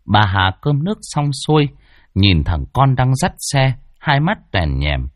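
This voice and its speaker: A man's voice: medium pitch, sing-song, a little slow, dry recording, studio quality. A man narrating a horror story in a dramatic, ominous way.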